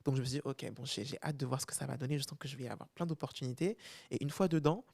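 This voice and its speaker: A young man from France speaks as a guest in a relaxed interview, his voice gravelly with a crackly fry. He talks loosely, full of fillers and restarts. The sound is close and dry, with no room around it. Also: medium pitch, very fast, no echo. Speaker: guest, fashion content creator. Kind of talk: casual interview chat.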